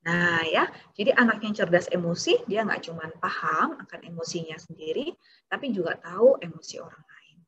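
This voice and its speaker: A woman's voice: on the low side, lively intonation, moderate pace, dull audio, noisy background. A woman child psychologist giving a parenting seminar talk, explaining step by step and now and then acting out what a child or parent might say.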